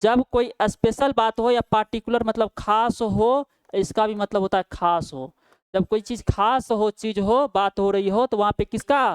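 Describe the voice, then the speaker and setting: A man's voice: high-pitched, normal speed, smooth, dry recording. A male teacher gives a grammar lesson, asking questions and answering them himself, with frequent checks like "right?". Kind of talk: Hindi-language English grammar lesson.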